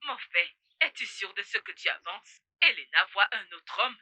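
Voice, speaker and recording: A woman dubbing a calm mother who counsels her son soothingly, with music behind her. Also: mid-range voice, moderate pace, no echo. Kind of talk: French film dub. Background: background music.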